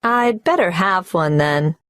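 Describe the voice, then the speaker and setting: Young migrant applicant, unhurried, dry close sound, careful and a bit hesitant. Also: female voice, on the low side, lively intonation, a bit bright, dry recording. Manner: hesitant, careful, spells out details. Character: young adult woman migrant applying for a tax number. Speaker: applicant at the tax office. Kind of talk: scripted exam dialogue.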